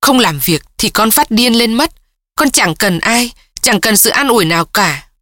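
A young woman torn apart by grief, pleading and tearful, read by a woman narrator. Her voice sits a little higher than the narration and carries a bright edge. The recording is dry and close. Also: lively intonation, normal speed, dry recording. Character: distraught young woman, sobbing and desperate.

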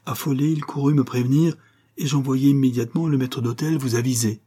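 A man's voice: medium pitch, steady tone, a little fast, mellow, breathy edge, voice pushed up, lightly acted. A man voicing a dutiful male ship's purser who explains events matter-of-factly. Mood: reporting.

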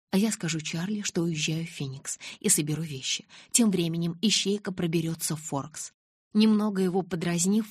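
A woman's voice: lowish voice, breathy edge, no echo, clean studio sound. Woman reading as a desperate teenage girl. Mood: insistent. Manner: pleading, rising to shouts.

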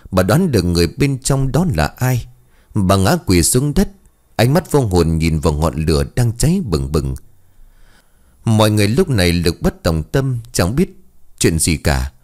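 A man reads a ghost story aloud with a fairly low voice. His pitch rises and falls freely as he dramatizes each turn. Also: darkish tone. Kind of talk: scripted ghost-story narration.

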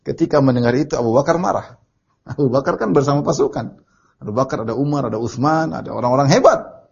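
A male preacher giving a religious lecture, reading Arabic lines slowly and then retelling them in lively, colloquial speech. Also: mid-range voice, gravelly, slightly rough, muffled recording. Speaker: Islamic preacher.

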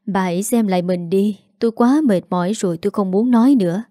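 Woman voicing a frail old father, soft weary voice, warm low timbre. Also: fast talker, dry recording, studio quality, natural voice. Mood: weary tender.

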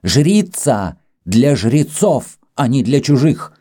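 A man voicing a furious, jealous young Greek man who shouts threats in an audiobook. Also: low-pitched, expressive, unhurried, slightly rough, dry recording, studio quality, full character voice.

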